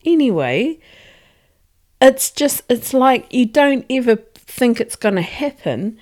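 A young woman telling a frightening story in casual chat, animated and jumpy. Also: on the high side, takes it slowly. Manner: animated, jumpy retelling with laughs.

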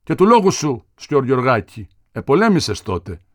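A man's voice: mid-range voice, sing-song, darkish tone, dry recording, studio quality, close to an everyday voice. A man doing a sly proud village father.

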